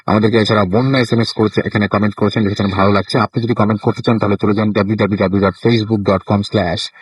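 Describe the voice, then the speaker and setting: A male radio host with a low, husky voice moves quickly through listener comments. He talks fast and introduces each new caller. The sound is close and dry. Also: flat delivery, no echo. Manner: brisk, reads listener comments. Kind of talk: radio hosting.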